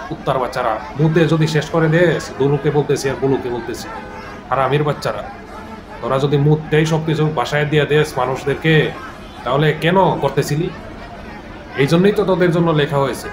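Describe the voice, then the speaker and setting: A man giving mocking, scolding political commentary, reciting verses in a slow sing-song. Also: fairly high pitch, echoey room, noisy background. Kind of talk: ranting video commentary.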